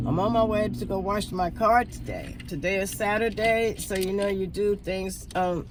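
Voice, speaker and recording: A woman vlogger chatting casually to camera from inside a car at a car wash. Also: medium pitch. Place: inside a car, partly going through a car wash. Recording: very noisy car wash and vehicle din.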